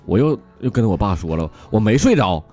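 A man's voice: on the low side, very animated, fairly quick, mellow, faint music behind. A man with a Northeastern Mandarin accent voicing a timid, whiny small boy in a comic story. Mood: plaintive.

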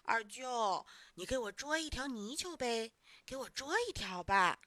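A woman's voice: medium pitch, very animated, moderate pace, pushed and bright, dry recording. A woman voicing an eager, boastful little village boy in a children's storybook. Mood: pleading.

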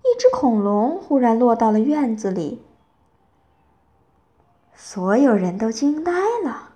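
A woman reading a bedtime story to children, telling it gently and with lively expression. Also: fairly high pitch, takes it slowly.

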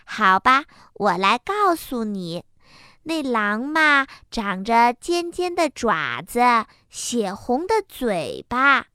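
A woman's voice: a little high, big pitch swings, slow, pushed and bright, smooth, no room sound, studio quality, heavily acted. A woman voicing a playful, teasing little squirrel.

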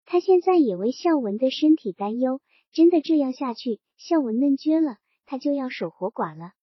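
A woman reading a novel aloud with an even storytelling delivery. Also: high voice, moderate pace, husky, no echo. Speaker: audiobook reader. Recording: dry dull lo-fi recording.

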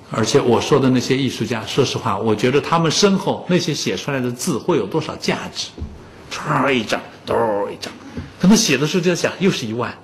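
A man's voice: mid-range voice, a little hiss or hum. A man in his fifties giving a public lecture on music, telling anecdotes and joking with the audience.

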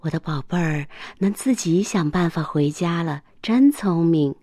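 A woman's voice: mid-range voice, sing-song, normal speed, darkish tone, no echo, clean studio sound, pitched above the performer's own voice, close to an everyday voice. A woman voicing a caring mother in a children's storybook reading, tender and affectionate. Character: caring mother, gentle then alarmed.

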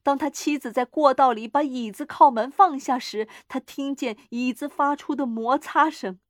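A woman narrates a horror story in a measured, dramatic reading. Her voice sits a little high, and the recording is dry and close with no room echo.

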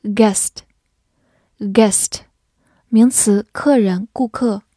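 A woman's voice: medium pitch, fairly even intonation, drawn-out words, mellow, no room sound, studio quality. A woman teacher reading a vocabulary review with care. She says each English word twice before giving its meaning.

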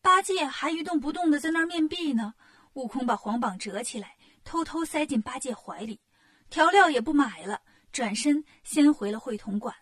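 A woman telling a children's story in a lively way, with a husky voice. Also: sits high, normal speed. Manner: lively, acts out the characters.

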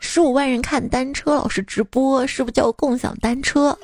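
A young woman hosting a comedy podcast, reading listener jokes in a lively, casual way and laughing at them. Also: high-pitched, moderate pace.

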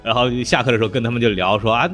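A man's voice: medium pitch, very fast, fairly bright tone, faint music behind. A man hosting a podcast, retelling cartoon plots in casual chat, rambling along and laughing often. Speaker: podcast host.

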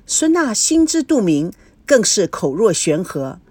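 A woman's voice: medium pitch, unhurried, breathy edge, dry recording. A woman narrating a novel in scripted storybook style, voicing every character. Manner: expressive, voices every character. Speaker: audiobook narrator.

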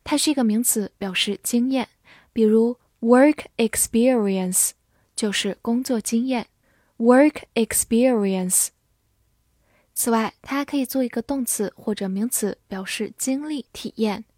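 Woman teacher, slightly high voice, slow spelled-out vocabulary lesson. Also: warm tone, dry recording. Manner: slow, spells words letter by letter.

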